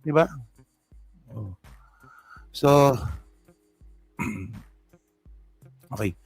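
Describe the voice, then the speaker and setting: A man's voice: lowish voice, animated, drawn-out words, creaky, husky, no echo, soft background music. A man with a Filipino accent giving casual political commentary, mocking and rambling as he reacts to clips. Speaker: commentary vlogger.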